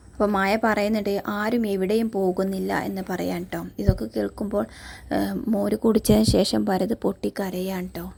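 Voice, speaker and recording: A woman's voice: medium pitch, vocal fry, dark tone. A woman retelling a TV serial episode in a chatty, casual way, often closing her sentences with a friendly tag. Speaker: serial recap host.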